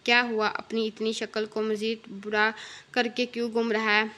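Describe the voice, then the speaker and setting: A woman voicing a bold, sharp-tongued young woman who teases and scolds her friend, reading a story aloud. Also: on the high side, level tone, normal speed. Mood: teasing. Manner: scolding, mocking, blunt.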